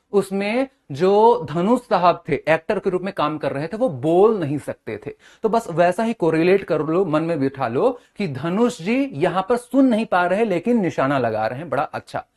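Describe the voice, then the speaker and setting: Man teaching with quick memory tricks. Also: sits high. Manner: mnemonic-heavy, keeps asking "है ना?" and "ठीक है?". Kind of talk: exam-prep lecture.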